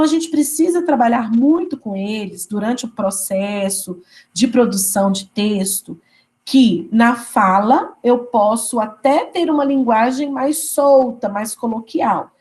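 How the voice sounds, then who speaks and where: A woman's voice: fairly high pitch, unhurried, darkish tone. A woman giving an online teacher training lecture. She explains step by step and often checks in with tag questions. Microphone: video call.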